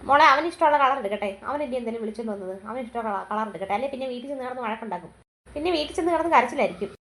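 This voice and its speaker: A middle-aged woman playing a mother in a family skit, brisk and scolding toward her kids. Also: a little high, expressive, a bit bright, slight background noise.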